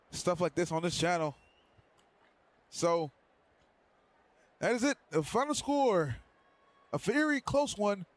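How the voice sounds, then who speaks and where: A man calling a livestreamed online football game, doing excitable play-by-play with loose, rambling asides and then interviewing a player. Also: fairly high pitch, no echo. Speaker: play-by-play commentator and stream host. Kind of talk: casual livestream sports commentary.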